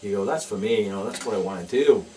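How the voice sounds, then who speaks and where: A man's voice: fairly low pitch, fast, mellow. A man with an Irish accent, a band percussionist, talking hesitantly with many fillers in a casual interview at a lounge bar. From Dublin, Ireland. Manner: hesitant, full of "you know". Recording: distant mic, faint room noise.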